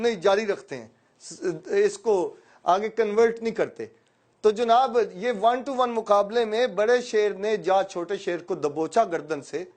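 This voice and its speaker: A man from Pakistan, an educator, giving a motivational speech and telling a story with playful asides to his listeners. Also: high-pitched.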